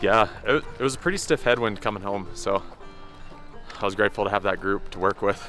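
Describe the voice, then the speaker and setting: A man's voice: lowish voice, a little fast, bright, forceful tone, soft background music. A man giving a casual, self-deprecating recap of a bike race outdoors, a bit out of breath, with lots of fillers. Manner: laid-back, self-deprecating, many fillers. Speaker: pro mountain bike racer, vlog host.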